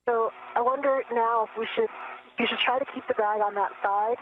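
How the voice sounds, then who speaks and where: A woman's voice: a little high, fairly even intonation, a little fast. A woman astronaut on a spacewalk, heard over a breaking-up space radio link, with clipped, procedural readbacks through a spacesuit headset. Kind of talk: live space-to-ground radio talk. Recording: noisy narrow-band radio link.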